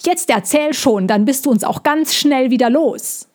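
A woman's voice: medium pitch, lively intonation, slow, mellow, breathy edge. A woman reading a storybook and voicing a blunt, blustering male hedgehog.

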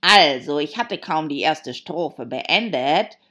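A gloomy, quarrelsome hatter speaks slowly and heavily, pressing on each word with loud sighs, as a woman puts him on in an audiobook. The voice is slightly husky. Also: sits low, lively intonation, muffled recording, full character voice. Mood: mournful. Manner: slow, emphatic, sighing. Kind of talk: audiobook character voice.

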